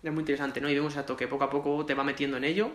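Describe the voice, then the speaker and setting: Spanish guy from spain rambling fast about a movie, swears a lot, keeps saying no?, roomy echo. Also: on the high side, level tone, a bit bright. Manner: chatty, swears freely, lots of "¿no?". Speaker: podcast co-host. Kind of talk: casual film discussion. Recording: echoey room.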